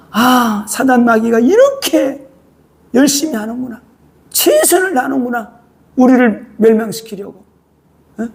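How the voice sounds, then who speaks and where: A pastor preaching a sermon with emphasis, constantly prompting the congregation with quick "huh?" tag questions. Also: mid-range voice, creaky, darkish tone, husky.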